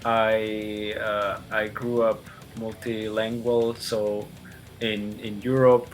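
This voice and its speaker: A man's voice: on the low side, little pitch movement, takes it slowly, faint music behind. A man, a guitarist giving casual interview answers over a video call, speaking hesitantly with many fillers. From Austria.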